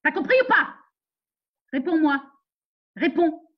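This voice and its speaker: Woman playing a fierce mom, high voice, commanding, scolds hard, lo-fi sound. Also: lively intonation, slow pace. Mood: scolding. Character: fierce protective mother of a family. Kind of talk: amateur theatre web-series acting.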